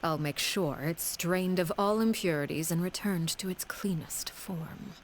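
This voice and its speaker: A woman playing a cold, soft-spoken commander. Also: fairly low pitch, slight background noise, natural voice, rough recording. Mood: calm. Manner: measured, formal, quietly menacing. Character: cold composed woman, commander of a feared group. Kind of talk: game voice acting.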